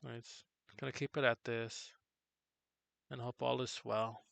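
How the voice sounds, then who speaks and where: Male streamer-teacher, worn out, slow and halting, rough fry in the voice. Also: flat delivery, a bit bright, dry recording. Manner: halting, self-correcting, low-energy. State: tired. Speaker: streamer teaching 3D character software. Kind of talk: live tutorial stream.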